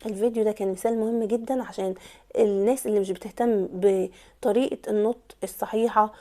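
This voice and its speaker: A woman with an Egyptian Arabic accent teaching an English lesson, repeating example words very slowly and leaning hard on the stressed syllables. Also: medium pitch, fairly even intonation, warm tone. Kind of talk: online language lesson.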